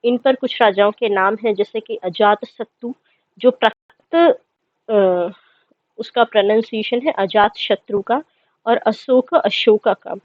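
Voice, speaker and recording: A woman's voice: medium pitch, measured pace, no room sound. A woman in her thirties teaching a history lesson, reading English text and explaining it step by step, often checking in with her students. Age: 30s. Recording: dry, tinny phone-like sound.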